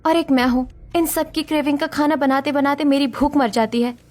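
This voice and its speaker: A woman voices an exasperated, overworked young daughter-in-law in a Hindi audio story, complaining but staying polite toward elders. Her high voice has a steady, darkish tone at a moderate pace, close to how she'd normally talk.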